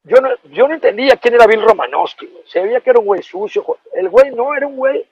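A man's voice: very high voice, fast, husky, dry recording, highs cut off. A middle-aged man with a Mexican accent, a former football player telling an anecdote in a casual, profane, slangy way. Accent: Mexican Spanish. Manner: animated, profane, slangy storytelling.

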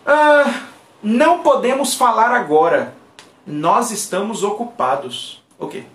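A teacher whose first language is Portuguese runs a live online lesson. The voice moves up and down a lot and the pace is unhurried, with phrases repeated patiently for learners. The sound carries a roomy echo. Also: medium pitch, expressive, a bit bright.

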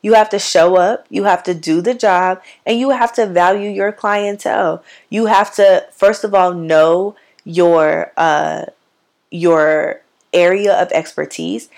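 Raspy-voiced woman, blunt podcast host. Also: lowish voice. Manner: blunt, slangy, emphatic asides. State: sick, hoarse voice. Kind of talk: casual solo podcast monologue.

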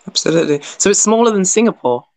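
A woman's voice: mid-range voice, animated, fast, a little mellow, dry recording. A woman hosting a podcast interview, introducing her guest and asking questions with friendly, enthusiastic reactions. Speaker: podcast host and lecturer.

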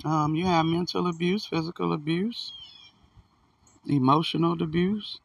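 Guy w a higher creaky voice doing a folksy self-help chat outside, talks a lil funny, swears some. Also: fairly even intonation, unhurried, distant mic, rough recording. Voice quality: slightly impaired articulation from toothache and medication. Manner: earnest, folksy, swearing now and then. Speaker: spiritual self-help vlogger. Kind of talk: casual unscripted motivational chat. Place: outdoors.

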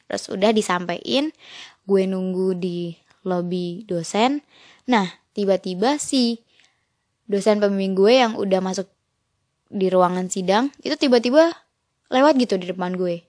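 A woman's voice: medium pitch, measured pace, long pauses, darkish tone, no room sound. Young female podcast host, chatty storyteller who acts out the dialogue, dry close recording. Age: young adult. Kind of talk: casual storytelling.

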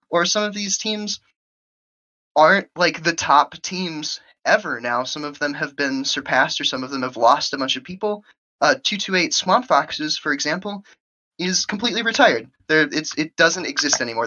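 Tournament organizer, woman, lively and quick, bright tone, lo-fi recording. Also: deep voice. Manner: animated, quick bursts of speech. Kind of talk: casual podcast interview. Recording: muffled lo-fi audio.

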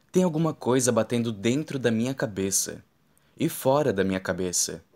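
Guy reading an audiobook, kinda low voice, steady even delivery. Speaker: audiobook narrator. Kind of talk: first-person audiobook narration.

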